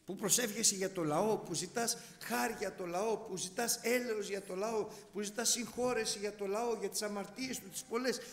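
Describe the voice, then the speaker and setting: A man's voice: high voice, hardly any pauses, in a large hall. A man voicing God as a patient, fatherly deity who speaks in reassuring, repeated declarations.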